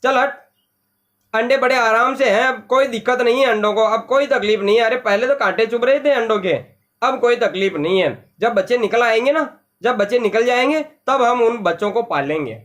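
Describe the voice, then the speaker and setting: A man's voice: very high-pitched, normal speed, fairly bright tone. A man voicing an older boy who bosses and scolds his little sister. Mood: dismissive. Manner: scolding, bossy.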